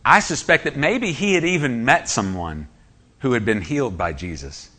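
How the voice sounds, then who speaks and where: Male preacher, bright forceful delivery, emphatic, asks the room questions. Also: mid-range voice, expressive, moderate pace. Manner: emphatic, rhetorical questions to the congregation. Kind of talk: sermon.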